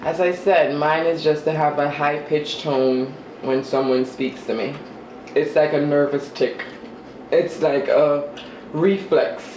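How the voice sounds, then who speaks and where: Casual eating vlogger, unhurried and self-deprecating, mid pitch, munching between lines, recorded in a roomy space. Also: steady tone, a little mellow. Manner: eats while talking, with chewing and mm-hmm sounds. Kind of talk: casual eating vlog chat. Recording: roomy with faint ambient noise.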